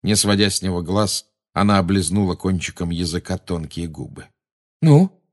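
A man reading a fantasy novel aloud in steady, measured dramatic audiobook narration. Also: sits low.

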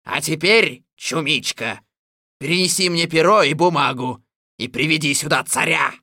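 A man voicing a booming imperious sorcerer-king. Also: lively intonation, slow, no echo, studio quality, full character voice. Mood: commanding. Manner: loud, imperious, booming commands. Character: gleeful domineering immortal sorcerer king, male. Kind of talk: storybook reading.

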